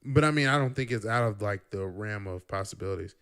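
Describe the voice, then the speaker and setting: This young podcast host talks fast in a clear, resonant voice on the low side. He is relaxed and playful, teasing his guest while steering the casual conversation.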